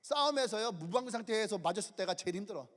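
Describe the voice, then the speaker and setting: A male pastor preaching an animated sermon, telling the story with shouted character voices and chuckles. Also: high-pitched, quick pace. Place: church sanctuary. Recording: long church hall reverb.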